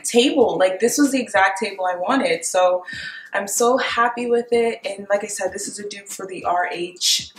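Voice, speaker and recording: A woman's voice: mid-range voice, moderate pace. Gushing young woman in a roomy space. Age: young adult. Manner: gushing, enthusiastic about finds. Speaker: home decor vlogger. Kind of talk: casual chat to camera, home makeover reveal. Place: small dining room at home, indoors. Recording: roomy echo, faint music behind.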